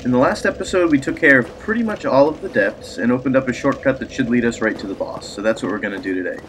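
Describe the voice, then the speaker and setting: A let's play host with a stuffy, cold-sounding voice chats and rambles while playing a video game. His voice is mid-range and his pace quick, with steady background noise in the recording.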